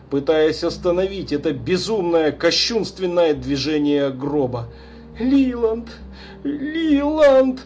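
Slow, measured male audiobook narrator. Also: a little high, darkish tone, a little hiss or hum. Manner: measured unhurried reading. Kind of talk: scripted narration.

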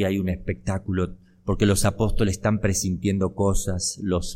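A man's voice: lowish voice, darkish tone. An older man from Argentina, a priest delivering a homily, building emphasis with rhetorical questions.

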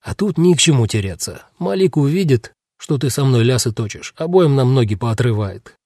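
A man voicing a gruff, weary male guard who dismisses people in blunt street slang. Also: mid-range voice, lively intonation, moderate pace, darkish tone, dry recording, clean studio sound. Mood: dismissive.

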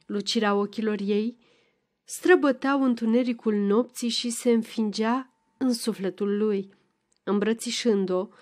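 A woman with a fairly high voice narrating an audiobook. She reads at a measured, even pace in a calm storytelling manner. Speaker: volunteer audiobook reader. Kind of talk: audiobook narration of a classic novel.

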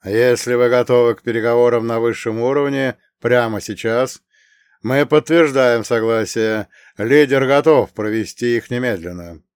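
A man voicing a male analyst-strategist who speaks formally and deliberately. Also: mid-range voice, clean tone, no echo, clean studio sound, natural voice.

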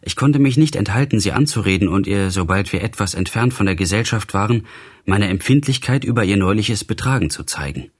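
Male audiobook reader, low husky voice, impassioned first-person narration. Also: expressive, brisk. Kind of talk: literary audiobook reading.

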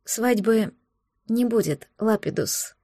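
Frightened young woman, quiet trembling pleas, fairly high voice, dry close recording, voiced by a woman narrator. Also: expressive, slow, dry recording. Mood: pleading. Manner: quiet, trembling, barely audible.

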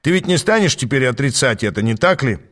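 In an audiobook, a man reads the part of a cocky, scheming male demon, a glib and haughty smooth talker who's always a step ahead of everyone. He pitches the character a touch higher and brighter than his plain narrator voice, fast and lively, persuasive, self-assured, and gloating.

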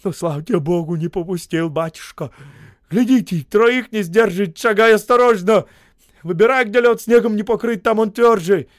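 A man voicing a bold, cheerful older workman who hollers orders and rough scolding. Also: high voice, normal speed, dry recording, studio quality, voice pushed up, close to an everyday voice. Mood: gruff joking.

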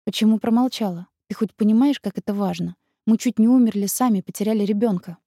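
A woman's voice: medium pitch, fast, warm tone, no room sound, clean studio sound, natural voice. A woman reading an audiobook, voicing a stubborn young man who threatens his rival. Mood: upset. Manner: cold, threatening.

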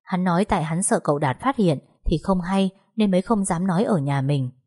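A woman's voice: animated, a little fast, a little mellow, breathy edge. A woman voicing a frightened, indignant young wife. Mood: pleading. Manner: high, protesting.

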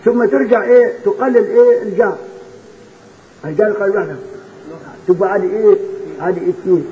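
Teaching the rules of Quran recitation in an Egyptian Arabic accent, this man quizzes his students and slowly chants verses between brisk explanations. He's high-pitched, heard in a roomy space through a noisy, tinny, phone-like recording.

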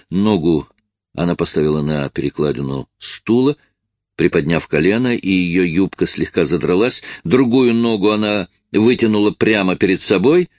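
A man narrating an audiobook in the first person with an expressive, dramatic reading. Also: low-pitched, dry recording, studio quality.

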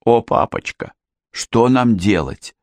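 A man voicing a frightened, weeping young woman in an audiobook, pleading in a shrill voice. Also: a little slow, a little mellow, no room sound, clean studio sound, natural voice. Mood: panicked tearful. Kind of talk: audiobook character voice.

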